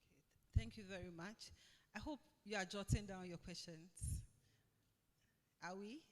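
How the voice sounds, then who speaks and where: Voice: medium pitch, moderate pace, big-room sound. A moderator running a live fireside chat, upbeat and playful, speaking straight to the audience. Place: event hall.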